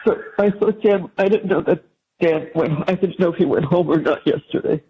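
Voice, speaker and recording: A mother speaking haltingly and carefully on a recorded jail payphone call, with a husky voice. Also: on the low side. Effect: jail payphone call line. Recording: dull recorded phone call.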